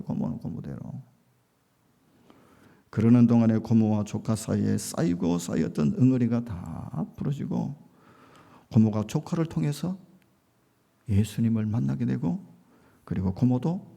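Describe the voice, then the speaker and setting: A man's voice: medium pitch, creaky, warm tone, slightly rough. A man preaching a sermon as a pastor, telling a story with rising emphasis and acted-out quotes.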